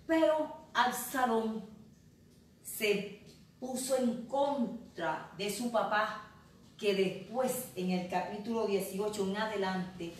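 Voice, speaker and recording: Slow-preaching woman pastor in an echoey room. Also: mid-range voice, distant mic. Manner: slow, earnest preaching, addressing listeners directly. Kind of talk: sermon. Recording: very echoey room, voice from off mic, faint noise.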